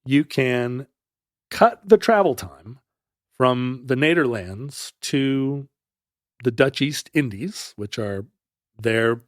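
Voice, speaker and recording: A man's voice: medium pitch, lively intonation, slow pace, no echo, studio quality. A man co-hosting a podcast, telling a history story in a casual, playful way with joking asides. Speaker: podcast co-host.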